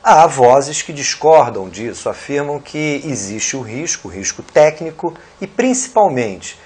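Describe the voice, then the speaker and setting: A male interviewer, asking long, measured, formal questions. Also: mid-range voice, big pitch swings, darkish tone, slightly rough.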